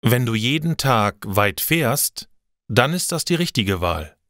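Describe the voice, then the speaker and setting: A man's voice: mid-range voice, sing-song, slow, a bit bright, dry recording, clean studio sound. A man voicing a friendly mechanic who patiently explains cars to a friend. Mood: helpful. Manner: helpful, explaining. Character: knowledgeable male car mechanic friend.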